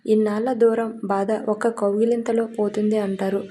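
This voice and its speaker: A woman narrates an audio story in a steady reading. Her voice is dark and mellow, with a flat pitch. A faint noise sits under the voice. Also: normal speed.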